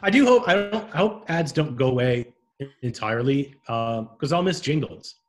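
A man's voice: medium pitch, expressive, moderate pace. A man co-hosting a casual comedy podcast, easygoing and agreeable, dropping dry quips. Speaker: podcast co-host.

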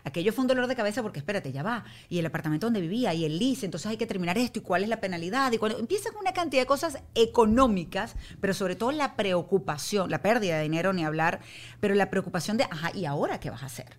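Middle-aged woman guest, rapid candid delivery, acts out her quotes. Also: mid-range voice. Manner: animated, acts out her own quoted lines. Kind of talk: candid conversational storytelling.

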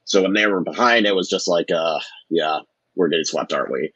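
A man's voice: low-pitched, fairly quick, fairly bright tone, slightly rough, no echo. A man co-hosting a sports podcast in casual chat, on slightly dull audio. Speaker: podcast co-host.

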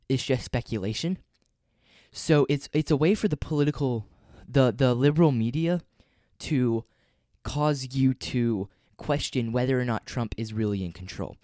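A man's voice: medium pitch, darkish tone, no room sound, clean studio sound. A man hosting a podcast solo, giving casual, opinionated news commentary in a flippant, rambling way. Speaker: podcast host.

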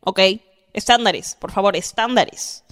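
A woman's voice: medium pitch, a little slow. A young woman hosting a podcast, giving casual, affectionate advice and often checking in with the listener. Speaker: podcast host.

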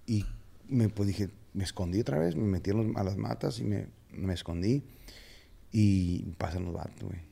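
A man with a Mexican accent, a podcast guest telling his story in casual slang with halting fillers. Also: lowish voice, vocal fry, warm tone, slightly rough.

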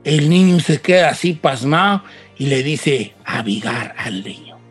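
High-voiced man telling a legend. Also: unhurried, husky, soft background music. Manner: animated, folksy with chatty asides. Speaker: storyteller host. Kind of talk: casual spoken legend telling.

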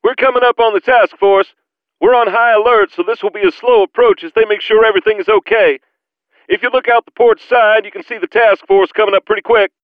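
A man voicing a calm helicopter pilot speaking over a headset radio, giving steady, matter-of-fact announcements. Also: high-pitched, a little fast, dry recording, highs cut off, voice pushed up.

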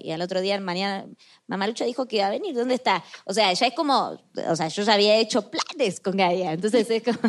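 A woman talks casually on a podcast with friends. She tells stories in an animated, affectionate manner. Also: mid-range voice.

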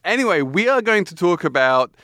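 A man's voice: sits high, very animated, brisk, pushed and bright, no echo, clean studio sound. A British man hosting a podcast in a conversational manner. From United Kingdom. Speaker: podcast host. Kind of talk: conversational show hosting and sponsor reads. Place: studio.

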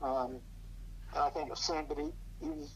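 An older man talks through a low quality speakerphone recording, with faint noise underneath. His voice sits a little high for a man. He rambles and hesitates, with plenty of ums and restarts. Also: very animated, moderate pace, creaky, low-quality recording. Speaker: guest on a podcast, host's father. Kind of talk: casual chat about rugby league.

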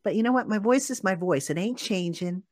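Recorded in clean studio quality with no echo, a sports podcast host runs a live talk show at a slightly fast clip. His voice is high, not made for radio as he admits himself, and he rambles, mocks himself and keeps stumbling into restarts.

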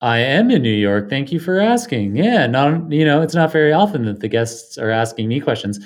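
A man with a mid-range, sing-song voice speaks at a moderate pace, hosting a tech podcast from his home studio while his guest joins on a remote call. He reads a scripted introduction with enthusiasm, then chats casually with the guest, staying enthusiastic and effusive throughout.

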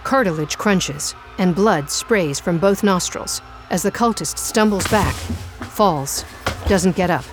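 A woman giving measured, suspenseful scripted narration for an audio drama. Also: lowish voice, over music.

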